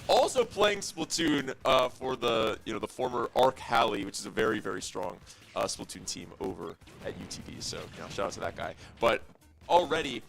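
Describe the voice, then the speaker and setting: A young man giving fast, analytical play-by-play commentary on an esports match, shouting on big plays. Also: on the high side, gravelly, slight background noise.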